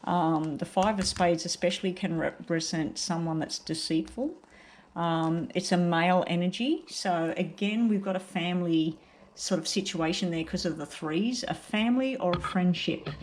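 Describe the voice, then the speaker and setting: A woman giving a casual, unhurried tarot card reading while suffering from a very sore throat. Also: on the low side, darkish tone, slight background noise. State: very sore throat, may choke up.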